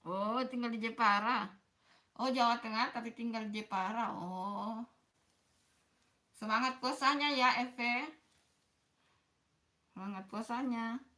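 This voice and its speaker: A woman's voice: a little high, takes it slowly, long pauses, pushed and bright. A woman hosting a casual livestream, chatting with viewers, greeting them by name and apologizing often. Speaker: livestream host.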